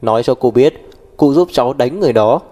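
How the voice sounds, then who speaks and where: A doting old great-grandfather, voiced by a male audiobook reader, in a mellow, darker voice. He fusses over the little ones with cheerful exclamations. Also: medium pitch, fairly quick, close to an everyday voice. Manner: warm, fussing and cheerful.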